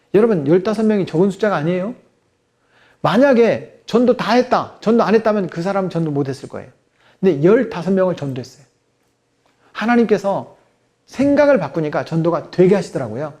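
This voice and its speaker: A man's voice: high-pitched, mellow. A man in his forties, a guest pastor preaching at a church seminar, who tells stories, acts out dialogues and has the congregation repeat phrases. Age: 40s. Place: church sanctuary.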